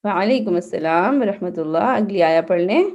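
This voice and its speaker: A woman's voice: on the low side, lively intonation, darkish tone, muffled recording. A woman teaching children in an online class, patiently correcting their recitation and checking in with them often. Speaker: Quran and Seerah teacher for kids.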